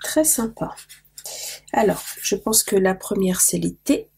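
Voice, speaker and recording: A woman's voice: medium pitch, lively intonation, a little slow, creaky, a little mellow, husky. A woman losing her voice, chatting casually to viewers as she opens mail and gushes over small details. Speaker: craft vlogger opening mail. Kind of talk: casual show-and-tell to viewers.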